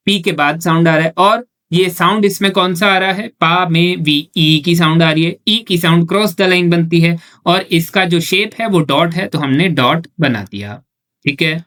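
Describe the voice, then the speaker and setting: A man's voice: on the high side, normal speed, a bit bright. A man teaching a shorthand lesson step by step, asking himself questions and answering them, and repeating each point patiently. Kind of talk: step-by-step classroom explanation.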